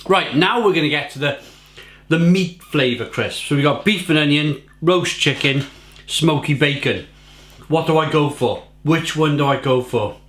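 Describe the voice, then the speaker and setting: A man giving a casual, rambling snack review, munching crisps between phrases and repeating himself for mock-dramatic emphasis. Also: on the high side, moderate pace, a bit bright. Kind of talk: casual food tasting review to camera. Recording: echoey room, faint noise, packet crinkling. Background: crisp packet crinkling and crunching.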